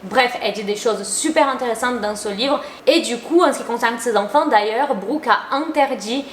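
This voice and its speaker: A woman's voice: fairly high pitch, moderate pace, slight background noise. A young adult woman giving casual, chatty commentary to her viewers, opinionated and full of slang. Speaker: YouTuber. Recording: roomy echo.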